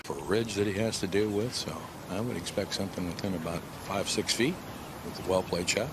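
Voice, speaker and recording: A male golf commentator with a deep voice. He analyses shots live, with heavy outdoor noise throughout the broadcast. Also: brisk.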